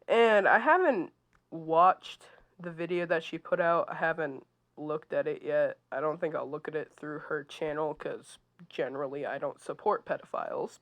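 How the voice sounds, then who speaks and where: A woman's voice: low voice, muffled recording. Nasal woman with a head cold. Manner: rambling, halting, drops to near-whispers. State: stuffy nose from a cold. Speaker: digital artist. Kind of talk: casual chat while drawing.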